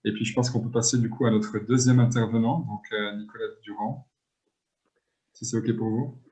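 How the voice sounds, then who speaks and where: Even-toned male moderator. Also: on the low side, moderate pace. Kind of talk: introducing speakers at an online talk.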